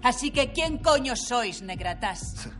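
A woman's voice: on the high side, animated, fairly bright tone. An actress dubbing a tough, threatening young female gang member. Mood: menacing. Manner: slow, threatening, street talk. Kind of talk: Spanish dub of a film. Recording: film soundtrack with music.

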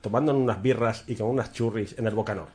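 A man's voice: lowish voice, quick pace, a little mellow. A man plays a skeptical, party-minded friend in a comic radio horror sketch. He stammers, mocks and swears a lot. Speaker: radio presenter.

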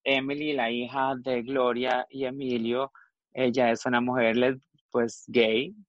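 A woman's voice: extremely low pitch, unhurried, no echo, dull audio. A woman chatting on a talk show panel, telling stories animatedly and acting out both sides of conversations. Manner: animated storyteller, acts out both sides of phone calls. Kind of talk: casual chat.

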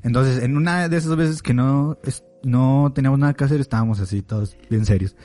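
A man's voice: medium pitch, fairly quick. Young mexican man telling a story. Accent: Mexican Spanish. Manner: animated, laughing, acting out friends' lines. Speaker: podcast host. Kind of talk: casual storytelling among friends.

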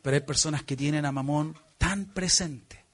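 A man with a Chilean accent preaching a sermon, emphatic and questioning his congregation, swinging from loud exclamations to hushed, earnest passages. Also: a little high, normal speed. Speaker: pastor.

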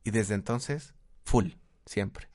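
A man's voice: fairly low pitch, slow pace, a little mellow. A man with a Mexican accent giving casual advice, who acts out quoted voices and laughs often. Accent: Mexican Spanish. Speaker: guest speaker, therapist.

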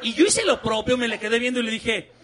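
A man's voice: very high voice, animated, fast talker, a bit bright, a little hiss or hum. A man with a Mexican accent doing a crude stand-up comedy routine, swearing a lot and acting out women's voices with giggles. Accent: Mexican Spanish. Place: live comedy venue with laughing audience. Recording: live stage recording, crowd laughter.

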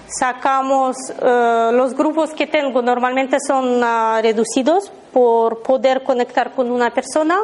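High-voiced woman leading a workshop. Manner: chatty, tells anecdotes, keeps asking the listeners "¿vale?". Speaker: abundance workshop leader. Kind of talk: informal talk to a live group.

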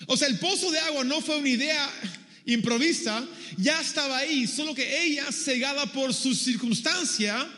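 A man delivers a humorous sermon, retelling the story with animated storytelling and little acted-out voices. His voice sits high for a man. The recording carries the long reverb of a large hall. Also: moderate pace. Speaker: preacher.

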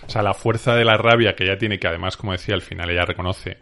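Spanish guy hosting a book podcast, lowish voice, rambly, keeps correcting himself. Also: fairly even intonation, very fast, sharp tone. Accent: Spain Spanish. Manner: rambling, self-correcting, informal. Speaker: podcast host. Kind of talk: casual book discussion.

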